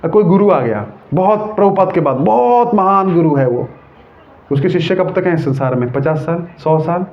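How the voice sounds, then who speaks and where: A man giving a devotional sermon, telling stories with animated delivery and often asking his listeners "है ना?". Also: a little high, moderate pace. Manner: animated storytelling with frequent "है ना?" prompts to listeners. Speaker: monk preacher. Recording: tinny phone-like audio.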